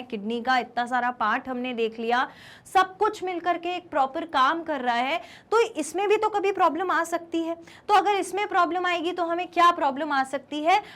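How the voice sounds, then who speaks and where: A woman teaching biology for an exam. She mixes languages, reads definitions slowly and asks the class rhetorical questions. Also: high-pitched, a bit bright. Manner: explains in Hindi mixed with English, asks rhetorical questions; reads English definitions slowly, then explains fast. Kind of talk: exam-prep lecture.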